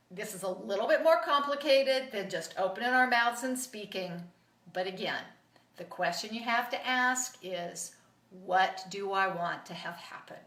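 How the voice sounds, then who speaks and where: A middle-aged woman coaching about communication in marriage, talking in a conversational way and telling lively personal stories. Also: mid-range voice, recorded from a distance. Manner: animated storytelling with vivid anecdotes. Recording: roomy echo, voice a bit off-mic.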